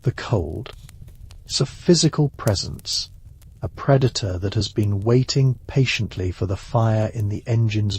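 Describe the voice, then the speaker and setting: A man telling a second-person history story for sleep in a soft, hushed, measured voice. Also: on the low side, breathy edge. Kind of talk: slow ASMR sleep-story narration.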